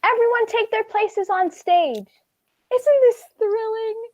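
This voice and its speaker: A woman's voice: extremely high pitch, slow, a little mellow, lo-fi sound. Woman playing a gushing sing-song TV host. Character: chirpy middle-aged woman TV host. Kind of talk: table read of a screenplay.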